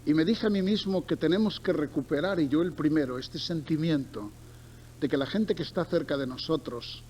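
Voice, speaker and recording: A middle-aged man from Barcelona with a Spain accent preaches a sermon mixing Bible reading and storytelling, using emphatic repetition and conversational asides to his listeners. His voice is on the high side, a little mellow, at a moderate pace, and there's noticeable background noise.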